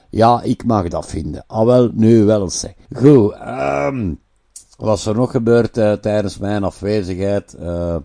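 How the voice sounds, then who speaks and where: A Flemish man gives his opinions in a loose, rambling monologue, often ending his phrases with a questioning tag. His voice sits fairly low and sounds mellow and relaxed. The recording is dry and close. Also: no echo.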